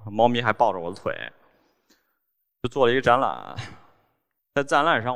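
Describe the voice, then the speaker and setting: A cartoonist gives a storytelling talk on stage, his fairly low voice wry and deadpan, broken by small laughs. The hall's long reverb trails his words from the stage.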